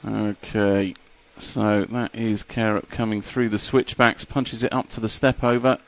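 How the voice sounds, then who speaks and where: A man's voice: fairly low pitch, level tone, unhurried. A man doing live race commentary, chatty and jokey as he reads out lap times.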